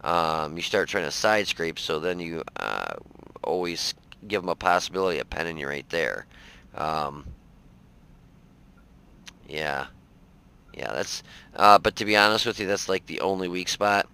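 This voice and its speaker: Gravelly low-voiced man, rambling commentary. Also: expressive, measured pace, pauses often, sharp tone, rough recording. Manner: rambling, filler-heavy, folksy. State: tired, yawning. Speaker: game reviewer. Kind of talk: casual gameplay commentary.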